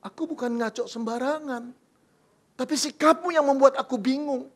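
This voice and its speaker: A man's voice: extremely high pitch, normal speed, voice pushed up. A man preaching, voicing a worried young man confronting his fiancée. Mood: urgent, pleading.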